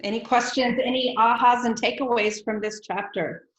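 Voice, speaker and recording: A woman's voice: a little high, fairly even intonation, moderate pace. A woman hosting a book club on a video call, chatty and upbeat with frequent ums. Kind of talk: casual chat on a video call. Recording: roomy video call audio.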